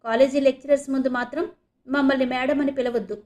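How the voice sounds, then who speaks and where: A woman's voice: sits high, level tone, fast, a little mellow, natural voice. Bossy college senior girl, voiced by a woman narrator. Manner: commanding, raised voice.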